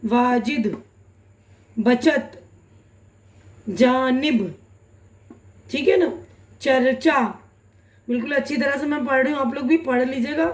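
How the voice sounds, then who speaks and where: A young woman teaching an online language lesson, reading example words slowly and deliberately and often checking that her students follow. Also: high voice, steady tone, echoey room. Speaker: Urdu teacher.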